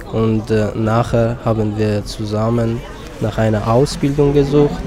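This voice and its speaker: Slow Afghan man, street noise behind. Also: medium pitch. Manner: searching for words, small grammar slips. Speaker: apprentice. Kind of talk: interview statement.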